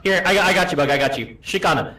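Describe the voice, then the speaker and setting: A man's voice: rapid-fire, pushed and bright, echoey room. A man teasing and laughing with friends while playing a game. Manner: teasing, laughs often, swings widely in pitch. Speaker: streamer guest. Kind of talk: casual gaming chat.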